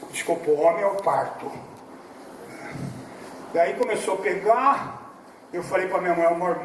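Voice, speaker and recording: A man's voice: a little high, slight background noise. Roomy, far-off man giving a testimony. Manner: emotional storytelling, blunt and swearing, swings from loud to quiet. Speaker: speaker sharing at a Narcotics Anonymous meeting. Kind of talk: personal recovery testimony. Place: meeting hall. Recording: roomy hall audio from far off.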